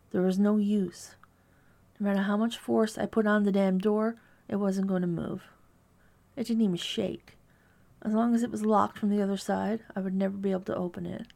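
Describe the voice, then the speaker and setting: A woman narrating a first-person horror story in a hushed, measured, dread-filled delivery. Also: medium pitch, gravelly.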